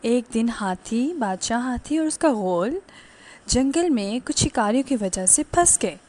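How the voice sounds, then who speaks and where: A woman teacher giving an online class lecture, slowly explaining each word to young students. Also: fairly high pitch, animated, a little mellow.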